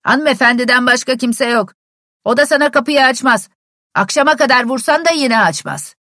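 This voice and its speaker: A woman voicing a gruff, sour old male servant, shouting curt, surly replies from a window. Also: on the low side, animated, unhurried, no echo, clean studio sound.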